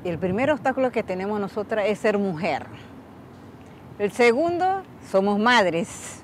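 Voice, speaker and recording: Woman, from Panama, measured, emphatic, lists points, interview, mid pitch, faint noise. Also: big pitch swings. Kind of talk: interview testimony.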